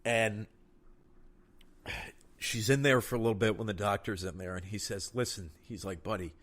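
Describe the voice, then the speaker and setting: Young guy telling dirty jokes, kinda low voice, cracks up at his own punchlines. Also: steady tone, moderate pace, a bit bright. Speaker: comedian trading jokes. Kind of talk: casual joke-telling chat.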